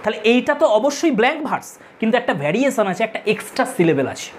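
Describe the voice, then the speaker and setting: A woman's voice: on the high side, very animated, quick pace, a little hiss or hum. A woman with a Bengali accent teaches a literature lesson for exam students, explaining step by step, counting aloud and repeating key terms.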